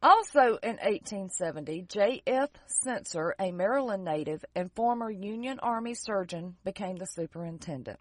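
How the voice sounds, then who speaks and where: A woman's voice: medium pitch, expressive, moderate pace, hardly any pauses, no room sound. A woman casually telling a history story on a podcast, reading out dates from her notes and adding sarcastic jokes. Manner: jokey, with sarcastic asides; reads out dates and figures from notes. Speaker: podcast co-host presenting history.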